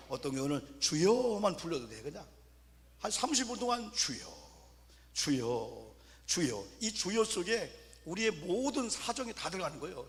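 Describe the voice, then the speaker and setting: A man's voice: fairly high pitch, fairly bright tone. A male pastor preaching a sermon with humorous stories, acting out voices of the people in them. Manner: humorous storytelling, acting out voices of babies and mothers. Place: church sanctuary. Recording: church hall reverb.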